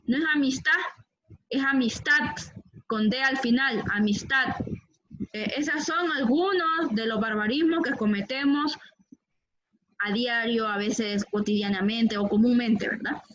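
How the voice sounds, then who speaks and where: High-voiced woman teaching grammar, lo-fi. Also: measured pace, a little hiss or hum. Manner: patient, repeats words and asks "¿verdad?" often. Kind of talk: online Spanish grammar lesson. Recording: dull lo-fi recording.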